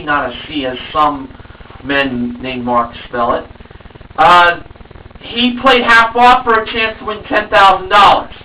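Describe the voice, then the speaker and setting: A man narrating a game show recap in an excitable way, drawing out phrases for suspense. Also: high-pitched. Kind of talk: narrated recap with dramatic build-up. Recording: roomy, distant mic with background noise.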